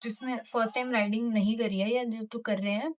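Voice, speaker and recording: A woman tells a story to her vlog in a lively, animated way. Her voice sits a little high, and she drops English words into her sentences. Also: fairly quick. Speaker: vlogger. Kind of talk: casual storytelling.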